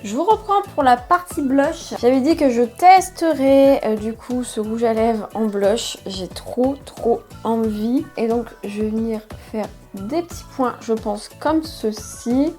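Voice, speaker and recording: A woman's voice: fairly high pitch, darkish tone. A young woman chatting casually and enthusiastically while walking through a makeup tutorial as a beauty vlogger. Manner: chatty, enthusiastic about colors.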